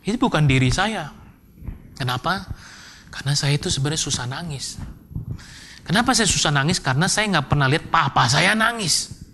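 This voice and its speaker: A male pastor preaching a sermon as a personal confession, dropping to hushed whispers and rising to emphatic outbursts, with English phrases mixed in. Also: a little high, expressive, normal speed, long pauses, slight background noise.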